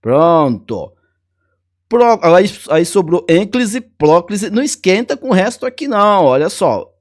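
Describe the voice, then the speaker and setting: A man's voice: high-pitched, very animated, measured pace. A man teaching a grammar lesson for an exam, chatty and playful, repeating key words and chuckling often.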